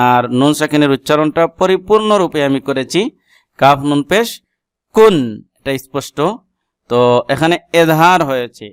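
This Quran reading teacher, a Bengali speaker with a Bangladeshi accent, spells out each letter and vowel mark, explains the tajweed rules, and recites the Arabic verse melodically. His slightly high, smooth voice comes through clean studio sound with no room noise.

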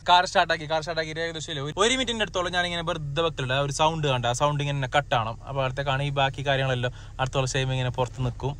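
A man chats quickly through a family vlog, his voice sitting a little high for a man. He keeps breaking off to call to the kids, and there is a faint hiss behind him. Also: steady tone, fairly bright tone. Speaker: family vlogger. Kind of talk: casual family vlog chat. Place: at home and in the family car.

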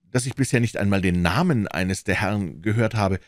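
A man's voice: lowish voice, brisk, no echo, studio quality, pitched below the performer's own voice, lightly acted. A man voicing a polite, bewildered young male visitor who speaks hesitantly and deferentially.

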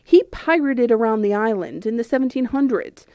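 A woman's voice: on the high side, lively intonation, moderate pace, a little mellow, clean tone, no room sound, studio quality. A woman reporter reading scripted narration for a news feature.

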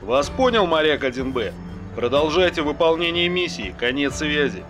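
A military command officer speaks over a radio transmission. His voice sits somewhat high and moves a lot in pitch. He keeps to clipped radio procedure, acknowledging calls and giving orders in a game. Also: big pitch swings, moderate pace, music in the background. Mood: crisp. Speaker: military headquarters radio operator.

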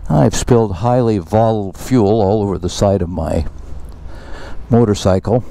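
A man's voice: on the low side, normal speed, creaky, warm tone. A man giving casual running commentary while he fuels his motorcycle outdoors at a fuel station. He talks in a wry, self-mocking way, full of chatty asides. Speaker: motorcycle vlogger.

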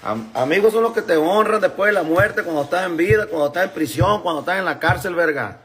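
A man's voice: high voice, fast talker, a bit bright. A man chatting casually in a home vlog, joking, teasing and swearing constantly. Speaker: family vlogger.

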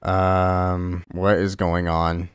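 A man's voice: low voice, monotone, extremely slow, clear, resonant tone, dry recording, clean studio sound. A man hosting a gaming video, giving casual reaction commentary on a horror game. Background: music.

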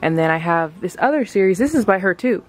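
A woman's voice: fairly low pitch, lively intonation, quick pace, a little hiss or hum. A young woman hosting a casual vlog while book shopping, chatty and giggly, recorded in a bookstore. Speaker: vlog host.

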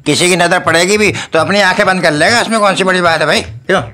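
An actor playing a teasing, mocking brother-in-law in a TV sitcom. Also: male voice, high-pitched, fast, over music, lightly acted. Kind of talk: TV sitcom acting.

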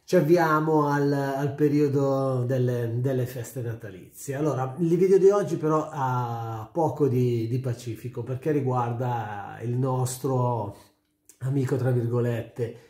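Sitting in a small furnished room at home, a middle-aged man who does sports commentary on YouTube shares his views with the camera in a casual, emphatic way, circling back to the same phrases. His mid-range voice is a little mellow and measured, and the room gives it an echo.

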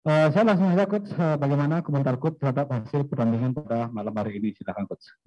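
A man runs a football press conference with polite, formal phrasing, handing the floor to speakers and reading questions aloud. His voice sits at a middle pitch. The recording is dull and lo-fi. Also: quick pace, a little mellow, faint music behind. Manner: polite, reads out reporters' questions. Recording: dull lo-fi sound.

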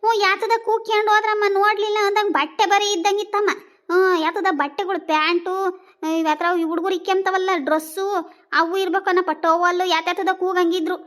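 A woman's voice: very high-pitched, fairly even intonation, fairly quick, fairly bright tone. A woman playing a hard-of-hearing village mother-in-law in a comedy sketch, talking in a complaining way. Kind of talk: rural comedy sketch dialogue.

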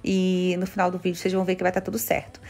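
A woman's voice: on the low side, monotone, racing, darkish tone. Brazilian-accented woman, home decor vlogger, enthusiastic and gushing, casual chat. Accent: Brazilian Portuguese. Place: home kitchen, indoors.

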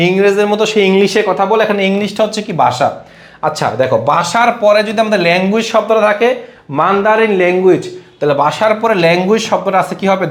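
A male tutor with a fairly high voice gives an exam-prep grammar lesson. He keeps asking questions and answering them himself, repeating each rule. The room around him is echoey. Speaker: English grammar teacher.

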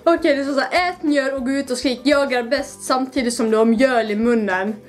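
Young Swedish woman, high voice, nervous and giggly, casual vlog on a camera mic, faint music behind. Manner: giggly, nervous, swears freely. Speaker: vlogger. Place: home, then outdoors by her car.

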